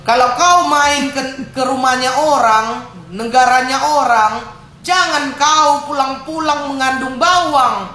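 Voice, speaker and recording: A woman's voice: high-pitched, takes it slowly, sharp tone. A woman giving a scolding video commentary, sarcastic and lecturing, firing off rhetorical questions. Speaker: TikTok commentator. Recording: echoey room.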